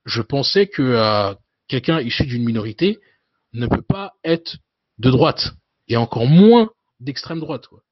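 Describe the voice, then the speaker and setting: A man's voice: mid-range voice, very animated, unhurried, no room sound. A man in his thirties, a guest in a casual interview, talking loosely with many hesitations and filler tags. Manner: loose, with frequent hesitations and "you know" tags. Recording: dull, dry lo-fi sound.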